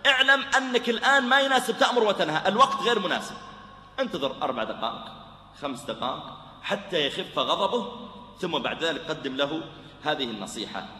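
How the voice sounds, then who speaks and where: A man giving a religious lecture full of stories, animated and acting out the dialogue, with soft, gentle quoted lines. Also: fairly high pitch, fast talker. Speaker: preacher. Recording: echoey hall with long reverb, faint hum.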